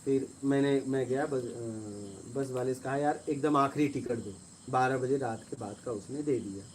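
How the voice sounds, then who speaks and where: A man, a spiritual teacher, telling stories to listeners and acting out quarrels in a rising, forceful voice. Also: medium pitch, normal speed, a little hiss or hum. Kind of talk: storytelling talk to listeners.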